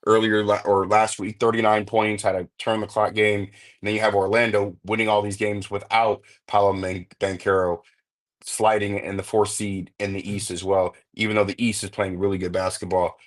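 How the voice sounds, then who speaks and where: A man's voice: lowish voice, little pitch movement, normal speed. A man hosting a casual sports talk show, laid-back and putting questions to his co-host.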